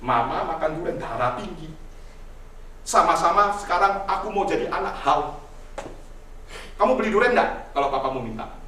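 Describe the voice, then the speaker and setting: A man delivers a Sunday sermon in a bright, high, animated voice that leaps between shouted emphasis and near-whispered asides. He is heard from some distance in a large, strongly echoing hall. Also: normal speed, long pauses, a little hiss or hum. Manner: dramatic, swings from loud shouts to hushed asides, constant "saudaraku". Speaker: preacher.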